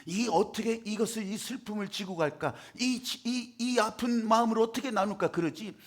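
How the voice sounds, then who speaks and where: Male pastor, sermon delivery, high husky voice, dramatic and theatrical, voices his characters. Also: moderate pace.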